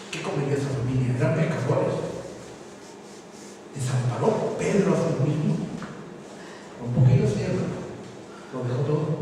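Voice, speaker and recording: Brief: emphatic male preacher, recorded from a distance in a reverberant hall with faint noise. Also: on the high side. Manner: emphatic, repetitive preaching, addresses congregation as brother. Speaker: pastor. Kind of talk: sermon. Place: church hall. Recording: echoey church hall from far off.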